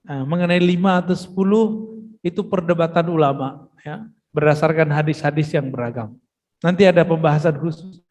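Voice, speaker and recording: A man's voice: a little high, normal speed, darkish tone, in a large hall. A man giving a religious study lecture, telling stories with casual, joking asides to his listeners. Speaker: preacher giving a mosque study session. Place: mosque hall.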